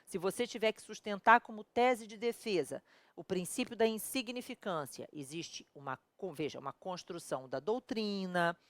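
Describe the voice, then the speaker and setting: A woman's voice: medium pitch, no echo. A woman with a Brazilian accent teaching a law exam prep video lesson, colloquial and full of rhetorical questions to her students. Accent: Brazilian Portuguese. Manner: addresses viewers directly and familiarly.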